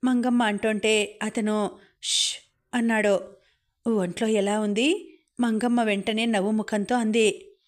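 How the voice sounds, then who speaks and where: A woman narrating an audiobook story in a steady, even reading voice. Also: medium pitch.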